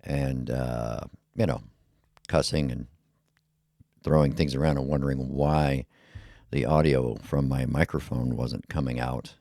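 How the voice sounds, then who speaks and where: Male podcast host, very low, dark and rumbly. Casual, mumbly solo talk on a close, dry, EQ'd dynamic mic. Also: steady tone, measured pace, dry recording. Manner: mumbly, rambling, with many fillers. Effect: equalizer filter on the mic. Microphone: heavy dynamic podcast mic on a boom arm.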